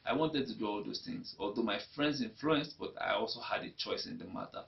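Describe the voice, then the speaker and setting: A creaky, lowish voice belongs to a young Nigerian man speaking a little fast with a Nigerian accent. Giving personal testimony in an interview, he reflects on his life and often repeats himself, and the recording is dull and lo-fi.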